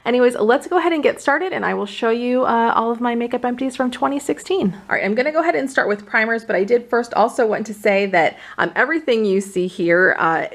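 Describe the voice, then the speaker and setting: A woman's voice: fairly high pitch, a bit bright. A woman who sounds a little out of breath, chatting casually to camera as a beauty vlogger running through products. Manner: informal, conversational. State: slightly out of breath from pregnancy.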